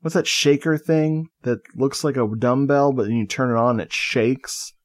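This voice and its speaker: This man co-hosts a podcast at a moderate pace and medium pitch. The chat is casual, loose and jokey, and he swears freely.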